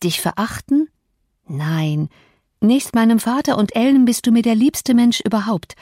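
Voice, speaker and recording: A woman's voice: fairly high pitch, dark tone, no room sound, clean studio sound, pitched above the performer's own voice. A woman reading an audiobook, voicing an earnest, hot-tempered teenage girl. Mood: affectionate. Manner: earnest, quick to flare up.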